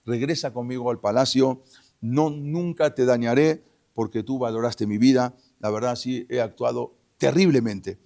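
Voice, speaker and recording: A man's voice: medium pitch, fairly even intonation, vocal fry, natural voice. Man doing a remorseful, subdued old king. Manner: subdued, halting, quiet. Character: weary older male king, ashamed and yielding.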